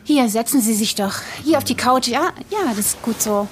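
A woman's voice: fairly high pitch, lively intonation, normal speed, a little hiss or hum, lightly acted. An actress playing a caring, decisive young woman in a radio play who speaks firmly, with music behind. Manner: firm, helpful.

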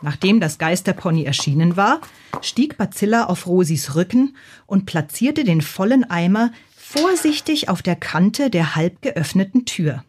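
A woman narrating a children's storybook in a calm, measured reading. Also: fairly low pitch, a little hiss or hum.

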